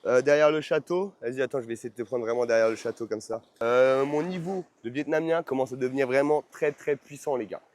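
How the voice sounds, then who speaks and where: Talking fast with hardly any pauses, this man has a medium-pitched, darkish voice. He's a travel vlogger and online course seller chatting informally with followers, full of slang and repeated phrases for emphasis, recorded with noisy location audio.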